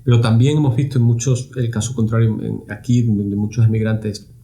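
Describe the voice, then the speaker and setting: This middle-aged man from Spain speaks at medium pitch with little pitch movement, fairly quickly, in a dark tone. As a university lab director being interviewed, he responds thoughtfully and tends to repeat words as he hunts for phrasing.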